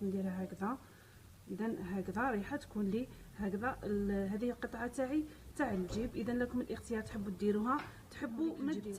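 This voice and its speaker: A woman's voice: a little high, darkish tone, a little hiss or hum, rough recording. A woman with an Algerian Arabic accent hosts a casual sewing tutorial, chatting step by step, repeating herself and speaking straight to her viewers. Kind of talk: casual step-by-step craft demonstration.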